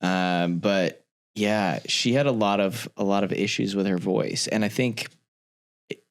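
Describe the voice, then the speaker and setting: A man with some vocal fry, explaining things informally in casual, slangy chat. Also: fairly low pitch, measured pace.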